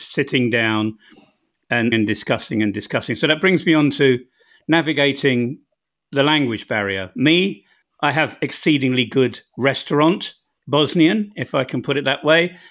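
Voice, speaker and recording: An English-accented man hosts a conversation and asks curious, probing questions. He sometimes pokes fun at himself. His voice sits at an ordinary middle pitch. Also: fairly bright tone. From England. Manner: inquisitive, self-deprecating. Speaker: podcast host. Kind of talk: interview conversation.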